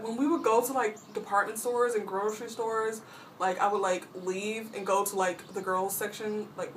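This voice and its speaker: Rambling young woman, faint distant hiss. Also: fairly bright tone. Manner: rambling, says "like" constantly, mimics friends in high voices. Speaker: vlogger. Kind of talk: casual storytelling. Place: at home, painting her toenails.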